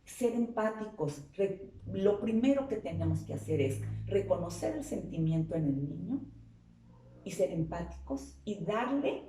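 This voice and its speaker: Female psychologist guest, earnest and explanatory, low mellow tone, miked from a distance in an echoey room. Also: animated, unhurried, slight background noise. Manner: earnest, explanatory, asks rhetorical questions. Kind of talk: interview on a talk show. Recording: roomy sound from a distance.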